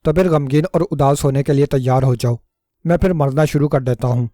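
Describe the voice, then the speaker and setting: A man's voice: medium pitch, warm tone, no echo, clean studio sound, natural voice. A man voicing a cunning male trickster who pleads theatrically and plays at dying, in a storybook reading. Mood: sly pleading. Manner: pleading, theatrical self-pity.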